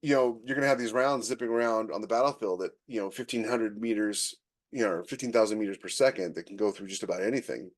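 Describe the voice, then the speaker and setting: Speaking fast in a fairly low voice, this man co-hosts a podcast and talks tech informally, thinking out loud in relaxed conversation.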